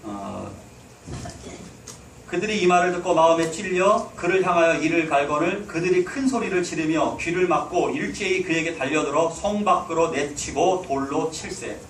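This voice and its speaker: A pastor preaches a sermon in a church sanctuary, exhorting his listeners and putting rhetorical questions to the hall. His voice is on the high side, expressive, at a normal speed, recorded with a distant mic in an echoey hall with a little hiss or hum.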